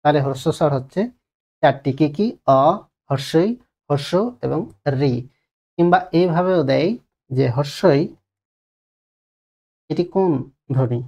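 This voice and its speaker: A man's voice: a little high, unhurried, pauses often, a little mellow. Male teacher, West Bengal Bengali accent, exam-prep lesson, repeats himself, asks and answers his own questions. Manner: drags out vowels to demonstrate.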